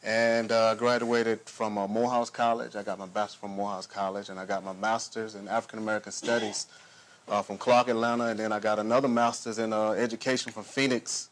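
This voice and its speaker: A man in his forties from the southern US, a poet giving relaxed, measured interview answers with frequent pauses. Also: on the low side, a little hiss or hum. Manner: easygoing, measured, with many "uh" pauses. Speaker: poet, guest.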